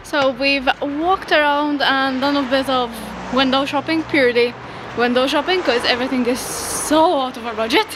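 The recording is rough: a woman in her twenties, high-voiced and speaking at a normal speed, vlogs her trip through city streets and stadium grounds. She laughs often while telling a handheld camera at arm's length about her plans.

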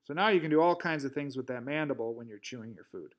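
In this voice-over for a recorded anatomy lecture, an instructor talks quickly in a mid-range male voice. He explains things step by step over drawings, occasionally using fillers and starting sentences over.

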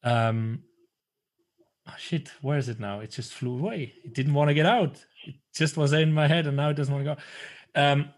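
A man's voice: fairly high pitch, normal speed. A man in his thirties from Switzerland, hosting a casual interview over a video call at home, talking animatedly. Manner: animated, gestures a lot, swears when flustered. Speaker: podcast host. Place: small room at home. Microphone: desk microphone on video call.

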